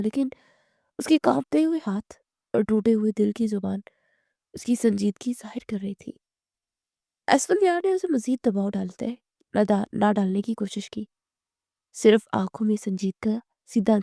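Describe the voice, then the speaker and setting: A woman slowly narrating a romance novel in a hushed, emotional storytelling manner. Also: medium pitch, vocal fry, no echo, clean studio sound.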